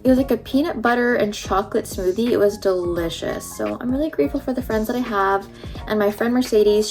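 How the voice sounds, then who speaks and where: A young woman talks in a casual, chatty vlog style after having her wisdom teeth out. Her slightly numb mouth gives her a light lisp, and her voice sits at an average pitch. Faint music plays behind her. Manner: chatty, informal, frequent "like".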